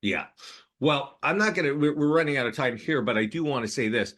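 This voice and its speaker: A man hosting a live online training, talking fast with frequent restarts and pitching tools to real estate agents. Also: a bit bright. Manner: rapid, repetitive, restarts often. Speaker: webinar host.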